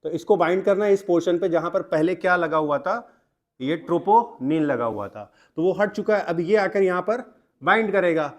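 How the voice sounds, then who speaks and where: A high-pitched young man teaches biology in a classroom. He keeps asking the students questions and answers each one himself, dropping English terms into his explanations. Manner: mixes Hindi with English terms. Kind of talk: classroom lecture.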